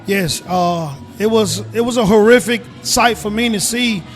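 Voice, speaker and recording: A middle-aged man from Mississippi with a Southern accent, speaking as a guest in a casual interview with emphatic, drawn-out stresses. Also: high voice, faint music behind. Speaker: guest, retired government agent.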